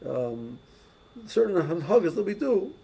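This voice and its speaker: A man's voice: high voice, big pitch swings, a little slow, gravelly, mellow, breathy edge, low-quality recording. A man giving a casual religious lesson, telling anecdotes with many restarts and repeated words. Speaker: religious teacher. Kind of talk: casual teaching talk with anecdotes.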